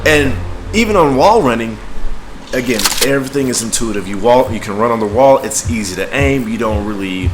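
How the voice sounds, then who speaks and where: A man's voice: medium pitch, animated, a little fast, music in the background. A man giving casual, conversational gameplay commentary in an informal, slangy, rambling way, as a gaming video creator. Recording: very noisy home recording with clicks.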